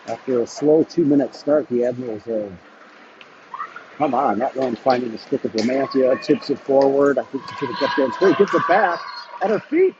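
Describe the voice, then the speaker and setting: Man calling hockey play-by-play, lo-fi. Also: medium pitch. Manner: rapid clipped calls, bursts of excitement on shots. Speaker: play-by-play commentator. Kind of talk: live hockey play-by-play commentary. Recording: dull lo-fi stream audio with noise.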